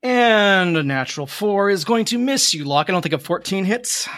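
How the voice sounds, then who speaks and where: A young man running a tabletop game as game master, narrating slowly and dramatically with playful asides. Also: high voice, lively intonation, a bit bright.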